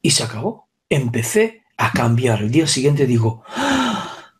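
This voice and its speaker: A man's voice: medium pitch, sing-song, moderate pace. A man teaching a spiritual session, speaking emphatically and often checking that his listeners follow.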